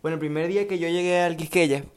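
A man's voice: on the high side, steady tone, quick pace, crowd noise. A young man, co-hosting a podcast, talkative and teasing. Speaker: podcast co-host. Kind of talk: casual chat.

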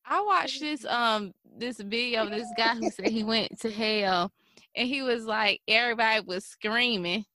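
A woman's voice: on the high side, normal speed, pushed and bright. A woman co-hosting a casual group podcast, chatting earnestly. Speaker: podcast co-host.

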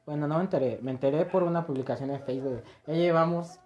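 A man's voice: on the high side, quick pace, darkish tone, lo-fi sound, soft background music. Slangy young Mexican man telling stories. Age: late teens. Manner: slangy, storytelling, swears freely. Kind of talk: casual chat.

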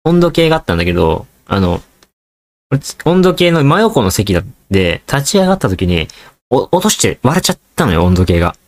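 A man's voice: fairly low pitch, sing-song, brisk. A man hosting a casual solo podcast, rambling and joking as he talks straight to his listeners. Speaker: podcast host.

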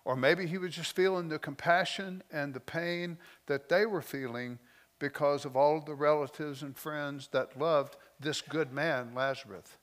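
A man preaching a sermon, moving between slow, emotional lines with soft drops and loose, conversational asides. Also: fairly high pitch. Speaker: pastor.

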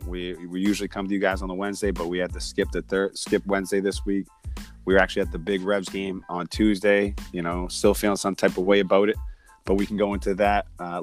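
A man hosting a casual sports podcast in slangy hype-man style, his voice hoarse from yelling and cheering. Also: low-pitched. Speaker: podcast host.

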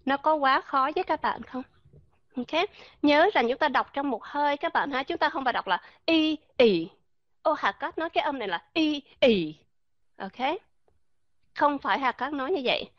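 High-pitched woman teaching pronunciation. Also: dry recording, lo-fi sound. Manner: demonstrates sounds, asks listeners questions. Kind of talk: pronunciation lesson.

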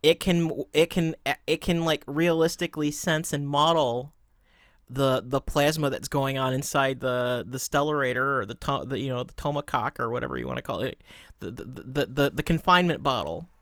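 A man's voice: medium pitch, moderate pace, fairly bright tone, no room sound, clean studio sound. A man explaining things casually on a podcast, stumbling over restarts.

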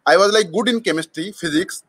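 A man's voice: high-pitched, brisk, fairly bright tone, husky. A man with an Indian accent tells his own story conversationally as an interview guest, hesitating often and slipping between English and Hindi. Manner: hesitant, frequent mid-sentence Hindi switches. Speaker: startup co-founder, interview guest.

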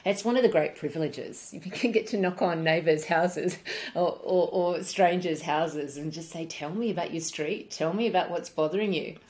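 A woman's voice: fairly low pitch, moderate pace, darkish tone. A woman with an Australian accent, from South Australia, chatting as a guest in a friendly, good-humoured interview. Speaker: guest, politician and former journalist. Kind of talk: casual conversational interview.

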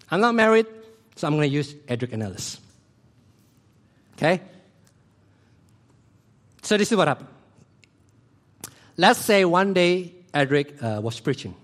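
A man preaching a sermon who swings between hushed and loud delivery. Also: on the high side. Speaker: pastor.

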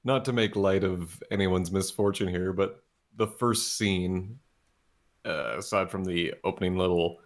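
Low-pitched and measured, a man co-hosts a casual movie podcast. He rambles through the review chat, restarting often and laughing frequently.

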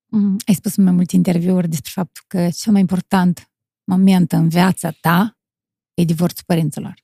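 A woman hosting a podcast, asking her guest calm, brief questions. Her voice is dark and slightly gravelly, and it sounds dry and close. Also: fairly low pitch, dry recording. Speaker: podcast host. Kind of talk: casual interview chat.

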